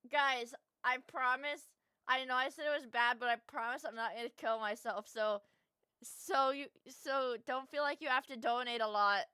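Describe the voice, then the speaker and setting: A woman's voice: sits high, fairly even intonation, moderate pace, bright, forceful tone, smooth, no echo. A young woman livestreamer chatting casually with her viewers in a cute anime-streamer manner, gushing and swearing freely.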